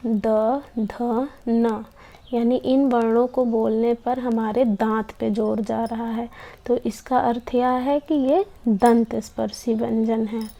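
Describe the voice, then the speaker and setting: A woman's voice: a little high, vocal fry, warm tone. A woman teaching a Hindi lesson, patiently explaining and sounding out each consonant one by one. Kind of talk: slow classroom explanation.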